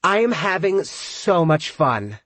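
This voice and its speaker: A man voicing a drunk young woman who yells, slurs and whines over the phone from a bar. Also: high voice, sing-song, slow, no echo, voice pushed up, exaggerated voice. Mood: yelling drunkenly. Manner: slurred, pleading, whiny yelling.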